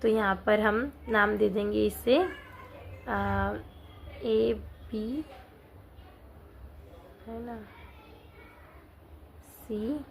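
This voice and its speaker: A woman teacher, reading lines slowly and explaining them line by line in simple conversational speech. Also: mid-range voice, fairly even intonation, gravelly, slight background noise.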